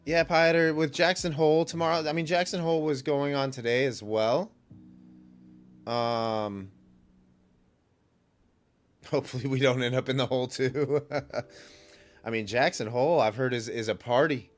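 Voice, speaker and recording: Congested and coughing from a cold, a man hosts a livestream as a futures day trader, casually rambling about the markets. He speaks unhurriedly in a mid-range voice with fairly even intonation and long pauses.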